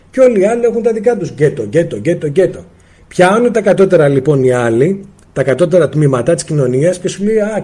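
A man from Greece leads a live seminar and answers viewer questions. His voice sits a little high, with a husky, mellow, warm tone. He talks to listeners as friends and breaks into quick acted-out exchanges with sudden swings in pitch. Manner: addresses listeners directly as friends. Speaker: spiritual teacher.

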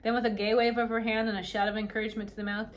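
A woman reading a children's novel aloud, unhurried and gently expressive, doing little voices for the characters. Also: a little high. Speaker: storybook reader.

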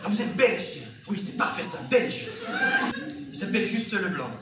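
A man's voice: high voice, big pitch swings, normal speed. A man acting in an amateur stage comedy, playing an impatient, bossy man who is sarcastic and exasperated. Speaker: stage actor. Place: theater stage. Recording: echoey theater from far off, loud noise.

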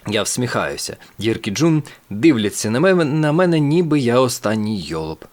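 Lively, animated male audiobook narrator. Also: mid-range voice, normal speed. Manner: expressive storytelling. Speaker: father reading audiobooks aloud.

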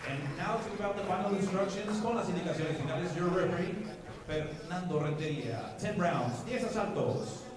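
A man's voice: sits high, expressive, fairly quick, distant mic. A man announcing a boxing bout in two languages over a handheld mic, theatrically stretching names like a lucha libre announcer. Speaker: ring announcer. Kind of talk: bilingual boxing ring announcing. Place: boxing ring in an indoor venue. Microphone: handheld microphone. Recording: echoey PA with long reverb and crowd.

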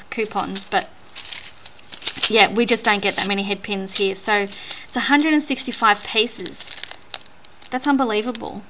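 An Australian woman unboxing a craft gift on her vlog, gushing and excitable, often repeating words. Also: medium pitch. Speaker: craft vlogger. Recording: noisy home recording.

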